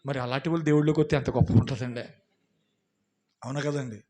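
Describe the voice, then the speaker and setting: A pastor with a Telugu accent preaching a sermon, swinging from loud emphatic repetition to low asides and direct questions to the congregation. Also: male voice, steady tone, quick pace.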